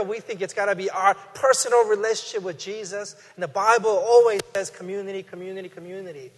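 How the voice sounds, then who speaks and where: A middle-aged man preaching a guest sermon in a conversational, animated way, with emphatic rises. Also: sits high. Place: church sanctuary. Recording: reverberant hall.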